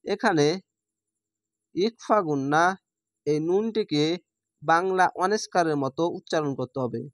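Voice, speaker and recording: A man's voice: a little high, animated, measured pace, dry recording, clean studio sound. A man teaching Quran reading, spelling out each letter and vowel, then drawing out the recited words.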